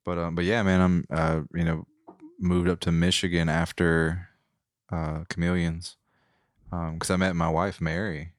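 Male musician, 30s, from the Carolinas; very deep, easygoing rambling chat, dry close sound. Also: unhurried, no echo. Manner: relaxed, rambling, full of fillers. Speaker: musician guest. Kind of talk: casual chat.

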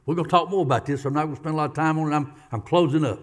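A man's voice: on the high side, steady tone, rapid-fire. A man preaching a sermon as pastor, emphatic, repeating key lines and questioning the congregation.

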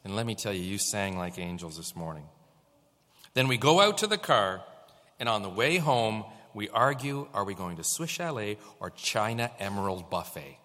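A male pastor delivers a sermon in a lively, sharply bright voice. He swings his pitch widely and keeps putting questions to the congregation. The sound rings out with a long church-hall reverb. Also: normal speed. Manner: animated preaching with rhetorical questions to the congregation. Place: church sanctuary.

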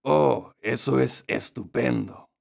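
A man voicing a cunning big male wolf with a rough, hoarse voice, talking slowly and coaxingly. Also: mid-range voice, darkish tone, full character voice. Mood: sly. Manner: slow, sly, coaxing.

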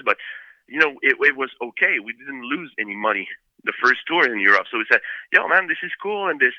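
A band member from Quebec with a French Canadian accent talks loosely in a casual interview, full of fillers and restarts, in a mid-range voice. The audio is dull, with no echo.

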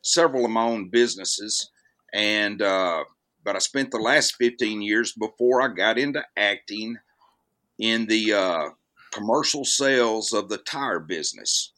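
An older man from Alabama with a Southern American accent, chatting as a podcast guest in an unhurried, folksy old Southern gentleman manner. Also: on the low side. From Alabama, United States. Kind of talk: casual interview chat.

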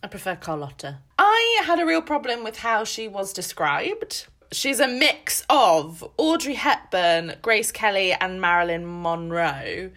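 Bright, animated woman. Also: medium pitch, a little slow, few pauses. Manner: animated, emotional, laughs often. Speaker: podcast co-host. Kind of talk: casual book-club chat.

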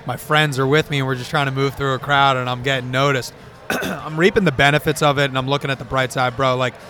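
A man's voice: medium pitch, fairly even intonation, fast, sharp tone. A man, a comedy creator chatting casually and rambling with lots of "bro" and "man". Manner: laid-back, rambling, says bro and man. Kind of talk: casual chat.

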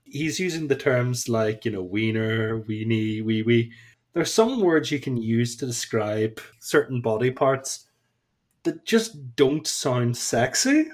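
Brief: playful man, mid pitch, swings up and down a lot, casual swearing. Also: expressive, slow. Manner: laughs often, mimics silly voices, swears casually. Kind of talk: casual chat.

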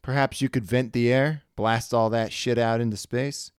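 A man voicing a gravelly old male ship mechanic with a folksy, drawling way of talking. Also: medium pitch, steady tone, moderate pace, no echo, clean studio sound, pitched above the performer's own voice, lightly acted. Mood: wry concern. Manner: folksy, drawling, says "boss".

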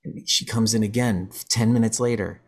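A man's voice: fairly low pitch, steady tone, normal speed. A man hosting a podcast, telling stories in casual chat, rambling with many restarts. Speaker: podcast host.

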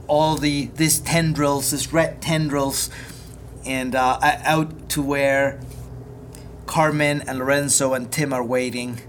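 A man narrating as game master of a tabletop game, halting and full of fillers. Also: a little high, slight background noise. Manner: halting, many fillers and restarts.

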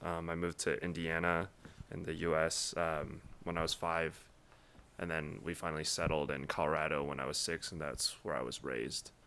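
A young man from Taiwan, a guest in a casual interview, answering in a thoughtful, measured way with frequent pauses. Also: rumbling low, little pitch movement, pushed and bright, clear, resonant tone. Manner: thoughtful, measured, many ums.

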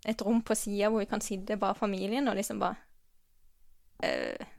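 A woman giving a personal faith testimony, halting and earnest, with many pauses and restarts, sometimes dropping to a soft whisper. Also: medium pitch, wildly swooping pitch, creaky, no echo, studio quality. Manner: drops to a soft whisper at tender moments. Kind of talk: personal testimony, spoken from memory.

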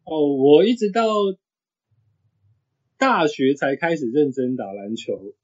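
A man in his thirties with a husky voice, chatting casually as a sports podcast guest. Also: a little high, sing-song, slow. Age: 30s. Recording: dull, lo-fi audio.

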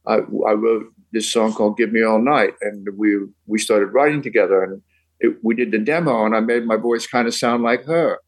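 Older English songwriter telling rambling stories. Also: male voice, on the low side, normal speed, low-quality recording. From England. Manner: rambling anecdotes, British slang like mate and bloody. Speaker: songwriter guest. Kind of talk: casual podcast storytelling.

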